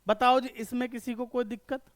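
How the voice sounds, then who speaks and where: In an online accountancy lecture, a man with a very high, smooth, resonant voice and a level tone rapidly quizzes his students, answers each question himself, and repeatedly checks that they're following.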